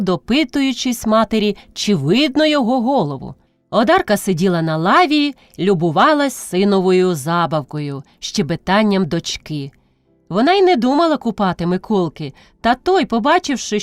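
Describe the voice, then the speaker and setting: A woman narrating a novel as an audiobook reader, lively and expressive. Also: medium pitch, no room sound.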